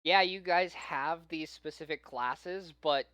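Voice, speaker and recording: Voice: mid-range voice, takes it slowly, fairly bright tone, no room sound. A podcast regular who runs tabletop games, explaining rules and ideas at length in long winding runs. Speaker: game master. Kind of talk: casual podcast chat.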